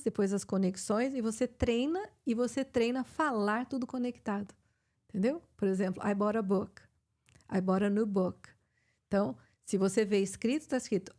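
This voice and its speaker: A woman's voice: mid-range voice, a little mellow. A middle-aged woman with a Brazilian Portuguese accent, an English teacher hosting a live chat and explaining with many fillers and restarts.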